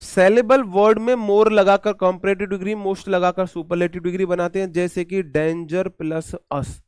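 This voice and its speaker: A man teaching English grammar for exam preparation, repeating words slowly and calling his students "brother". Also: high-pitched, steady tone, clean tone, no echo, clean studio sound. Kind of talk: exam-prep lecture.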